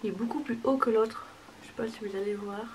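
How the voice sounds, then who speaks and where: A woman's voice: fairly high pitch, quick pace, a little hiss or hum, poor audio. A young woman chatting casually through a makeup tutorial, self-deprecating and talking while she applies products. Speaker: beauty vlogger.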